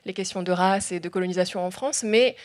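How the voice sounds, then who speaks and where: A woman's voice: fairly low pitch, a little fast, darkish tone. A woman speaking as a panel guest, hesitant, with many fillers and restarts. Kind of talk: panel discussion talk.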